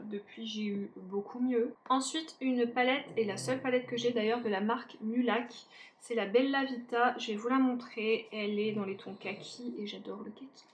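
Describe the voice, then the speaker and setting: A woman's voice: medium pitch, a little hiss or hum. A woman beauty vlogger sorting her makeup palettes in a casual, chatty way, teasing herself and talking straight to her viewers. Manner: chatty, self-mocking, talks to viewers directly. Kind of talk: casual makeup declutter chat.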